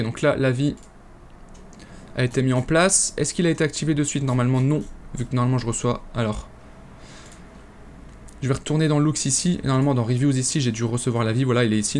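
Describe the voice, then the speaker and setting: A man talks viewers through an online shop tutorial on screen, in a relaxed, chatty way full of small hesitations. His voice sits at an ordinary middle pitch. A faint hiss of background noise runs under the recording. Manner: chatty, many "euh" fillers, addresses viewers directly. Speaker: e-commerce tutorial host. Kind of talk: casual screen-share tutorial.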